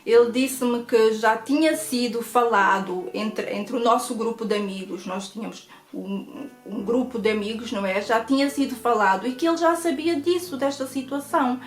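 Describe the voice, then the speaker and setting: A woman's voice: a little high, normal speed. A woman with a European Portuguese accent sharing an earnest personal faith testimony and speaking to her viewers as friends. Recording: echoey room with faint guitar music. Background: soft guitar music.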